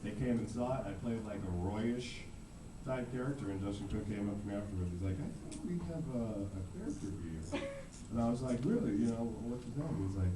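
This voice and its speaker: A man's voice: lowish voice, a little fast. Man telling stories in an echoey hall. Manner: animated, acts out quoted dialogue, laughs often. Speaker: voice actor on a convention panel. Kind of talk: storytelling to an audience. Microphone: handheld camera in the audience. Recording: echoey hall taped from far off, loud noise.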